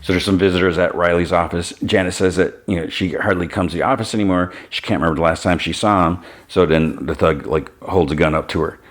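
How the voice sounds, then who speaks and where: This podcast host has a low-pitched voice with fairly even intonation and talks fast with hardly any pauses. Going scene by scene through a TV episode, he stays loose and casual, restarting often and quoting characters briefly with "he's like".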